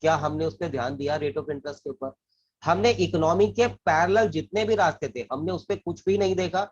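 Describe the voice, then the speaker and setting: Financial advisor guy, kinda husky voice, high pitched, dull lo-fi sound. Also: moderate pace. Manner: earnest, repeats and restarts phrases, mixes English terms into Hindi. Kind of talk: explanatory talk to camera. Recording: dull lo-fi recording.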